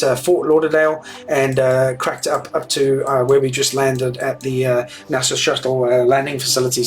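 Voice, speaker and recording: A man chatting casually and informally as he streams a flight simulator to viewers. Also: medium pitch. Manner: matey, informal. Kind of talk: casual livestream chat.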